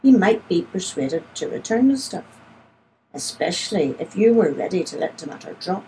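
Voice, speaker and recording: A canny country poacher, deferential and persuasive as he pleads his case, read by a woman in a slightly raised voice. The tone is low, mellow and gravelly underneath. It sounds like a storybook reading. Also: very animated, normal speed, a little hiss or hum, poor audio. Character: canny, polite country poacher, a grown man.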